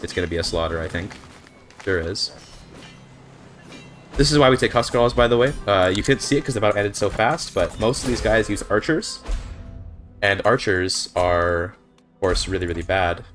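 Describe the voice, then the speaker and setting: Deep-voiced and fairly bright, a young man commentates his speedrun, talking casually through his strategy with plenty of fillers. His throat sounds slightly scratchy, and he's picked up by a desk mic.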